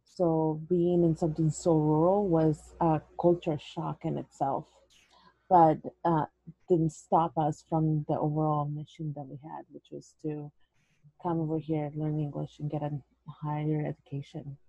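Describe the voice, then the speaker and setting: A woman's voice: low voice, level tone, measured pace, gravelly, dark tone, husky, no room sound, highs cut off. A woman, a guest telling her story earnestly in an interview, dropping in words. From El Salvador. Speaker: guest, educator. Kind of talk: interview conversation.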